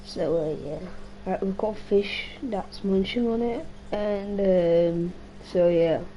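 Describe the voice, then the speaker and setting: Chatting live while she plays, this young streamer rambles in a slangy, swearing way and mutters to herself, her voice sounding strained and tired. It's a mid-range, mellow voice at a slow pace, captured in dull audio with a bit of hiss or hum.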